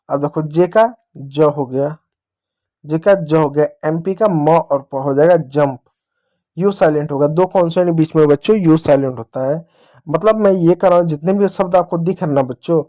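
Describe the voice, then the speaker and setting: A man's voice: on the high side, darkish tone. Patient Indian male phonics teacher. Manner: patient, repetitive, addresses children directly. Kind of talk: phonics lesson for children.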